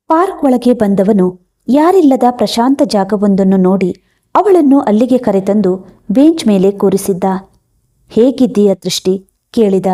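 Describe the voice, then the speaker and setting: Woman narrating a story, mellow voice. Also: medium pitch. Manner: reads all characters' dialogue in her own voice, gently expressive.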